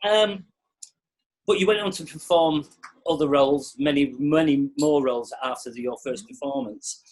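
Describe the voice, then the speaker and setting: Halting man asking interview questions. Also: on the high side, poor audio. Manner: halting, restarts questions, encouraging. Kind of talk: casual interview.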